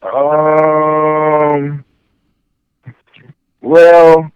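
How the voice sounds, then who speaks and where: A rapper from Chicago, who later lived in Mississippi, chats casually in an interview, his Chicago accent carrying a slight Southern tinge. His voice is on the high side, flat and very slow, the audio dull, and he keeps dropping "you know what I'm saying."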